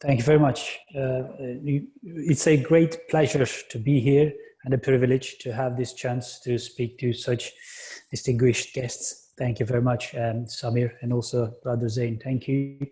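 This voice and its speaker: A man's voice: mid-range voice, fairly even intonation, unhurried, mellow, rough recording. A man speaking formally and politely from an office on a video call webinar. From Turkey. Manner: polite, formal, slightly broken phrasing. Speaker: company director, webinar speaker. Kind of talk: online business webinar talk. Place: London office.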